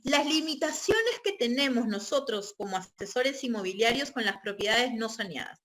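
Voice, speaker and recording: A woman's voice: fairly high pitch, lively intonation, normal speed, fairly bright tone. A woman giving an online real estate training lecture, explaining step by step and checking in with her listeners. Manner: explanatory, checks in with tag questions.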